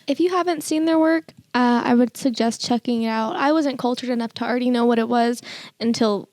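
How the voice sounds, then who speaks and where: Woman, podcast co-host, casual rambling chat, giggly, somewhat high voice, dry sound. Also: a little fast, a little mellow, no echo. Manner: rambling, laughs often, restarts sentences. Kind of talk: casual chat about art.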